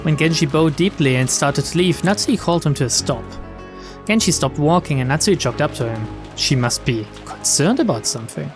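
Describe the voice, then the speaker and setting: Brisk and fairly high-pitched, a man's lively voice narrates a visual novel theatrically on stream, breaking off for casual remarks. Game music and rain fill the background.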